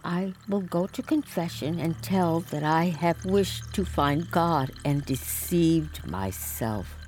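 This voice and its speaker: A woman's voice: deep voice, expressive, slow, a little mellow. A woman playing a devout young peasant maid, frightened yet defiant, in a solemn, righteous dramatic monologue over music. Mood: righteous defiance.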